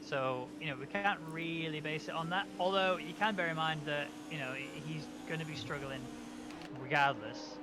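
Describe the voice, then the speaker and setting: A man giving live sim racing commentary as a motorsport commentator, with excitable calls. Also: fairly high pitch, moderate pace, noisy background.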